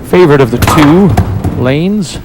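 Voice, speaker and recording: A man's voice: a little high, lively intonation, measured pace. A man hosting and calling a bowling match in a play-by-play style. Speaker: play-by-play sports host. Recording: noisy broadcast with loud crowd. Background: crowd and bowling alley noise.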